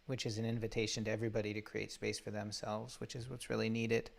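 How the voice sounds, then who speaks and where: A man leading a guided meditation from a laptop or phone while traveling, talking haltingly with many fillers and restarts. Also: fairly low pitch, level tone, vocal fry. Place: undisclosed spot while traveling. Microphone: laptop or phone mic.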